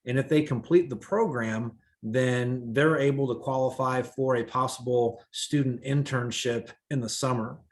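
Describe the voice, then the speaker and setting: A man reports to a school board over a video call, and his loudness keeps swelling and fading unevenly. He speaks at a middling pitch with a halting delivery full of small pauses and fillers. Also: steady tone. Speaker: school administrator giving a report.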